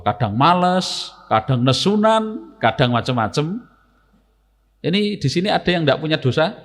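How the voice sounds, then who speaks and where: A man's voice: mid-range voice, in a large hall. A man with a Javanese accent preaching a sermon to students, quizzing the audience and reciting Arabic verses. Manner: lively, asks the audience questions, mixes Arabic verses. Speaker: Islamic preacher.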